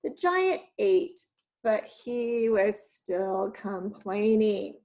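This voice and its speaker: A woman reading a children's story aloud, with lively asides and "um"s to her young listeners. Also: medium pitch, extremely slow, poor audio.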